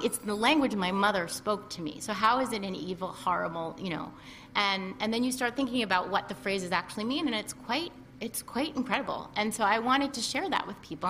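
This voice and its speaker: At a reading, a woman with a Lebanese-American accent talks casually in a bright, ringing, medium-pitched voice. She's animated and chatty, restarting often, and a faint hiss runs beneath the recording.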